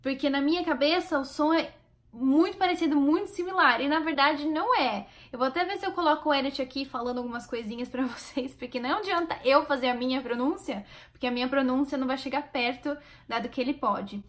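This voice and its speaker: A woman's voice: sits high, quick pace. A woman from Brazil with a Brazilian Portuguese accent, chatting in a casual vlog and cheering on her viewers. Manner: chatty and encouraging, speaking straight to viewers. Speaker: vlogger.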